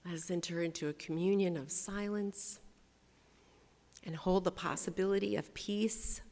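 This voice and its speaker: A woman's voice: fairly low pitch, fairly even intonation, moderate pace, darkish tone, in a large hall. A woman pastor giving a sermon, speaking emphatically and leading the congregation in call-and-response. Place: church sanctuary.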